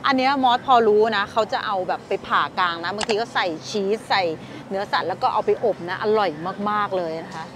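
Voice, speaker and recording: A woman in her thirties talks briskly at a medium pitch, with hardly any pauses, in a casual vlog from supermarket aisles and her parked car, where she tastes food. Chatty and excitable, she speaks right to viewers on a phone camera held at arm's length. The phone video carries background music and a noisy backdrop.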